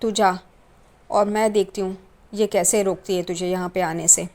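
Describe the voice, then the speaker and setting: A woman's voice: mid-range voice, steady tone, normal speed, a little mellow, close to an everyday voice. Woman reading a strict old granny who scolds everybody, bossy, everyday voice. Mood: scolding. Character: stern elderly grandmother, family matriarch.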